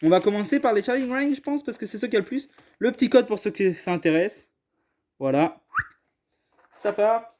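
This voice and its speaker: A man with a high, slightly mellow voice and lively intonation chats casually at a normal speed while opening trading card boxes on camera. He hesitates a lot and keeps apologizing, coming across as self-deprecating.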